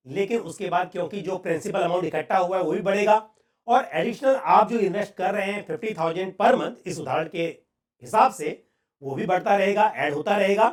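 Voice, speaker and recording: A man with a high-pitched voice and an Indian accent presents a finance lesson. He explains step by step in a deliberate way, pausing for emphasis.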